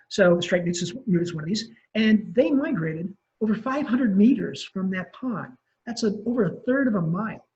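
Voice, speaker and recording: Man, wildlife professor type, casual lecture, lots of ums, muffled webinar sound. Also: high voice. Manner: casual, rambling, frequent ums and self-corrections. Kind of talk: conversational lecture.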